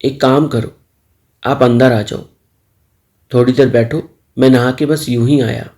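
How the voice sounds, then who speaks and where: A shy, easily flustered young man in a spoken storybook, as a man reads him. He protests and fusses in a deep, gravelly, mellow voice. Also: steady tone, measured pace, natural voice. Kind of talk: storybook dialogue.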